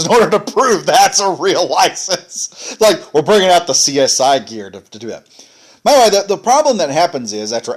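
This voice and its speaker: A man giving a casual commentary rant, joking and often restarting his phrases. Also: medium pitch. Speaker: commentary vlogger.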